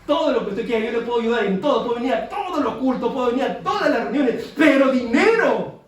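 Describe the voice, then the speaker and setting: A man's voice: very high-pitched, animated, fast talker, pitched above the performer's own voice. A man voicing a stingy male churchgoer who protests and insists on keeping his money. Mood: stubborn. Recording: echoey church hall from a distance.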